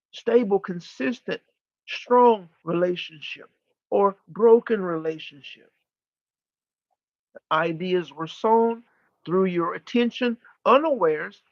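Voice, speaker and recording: High-pitched creaky man channeling like a medium. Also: no echo, highs cut off. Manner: deliberate, formal, emphatic phrasing with pauses and repetition. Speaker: channeler leading a live spiritual session. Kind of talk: channeled spiritual teaching, like a seance medium speaking as a guide.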